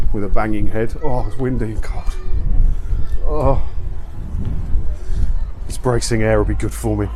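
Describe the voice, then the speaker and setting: A fairly low, slightly mellow male voice delivers a commentary video while walking outdoors in an English seaside town, windy street noise audible. He chats casually, grumbling sardonically about the news and frequently asking rhetorical questions.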